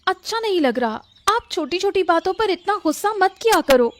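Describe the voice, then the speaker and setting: A woman's voice: extremely high pitch, lively intonation, moderate pace, no room sound. A woman voicing a young eldest granddaughter who coaxes and placates her grandmother. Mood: coaxing. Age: young adult. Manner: coaxing, placating.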